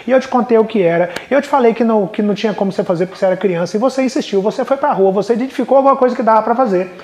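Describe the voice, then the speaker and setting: A man doing a caring mother, earnest, patient, quick-spoken, a touch higher than his own voice, in a retold story. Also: a little mellow, echoey room, close to an everyday voice. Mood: tender, proud. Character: caring mother explaining to her young son.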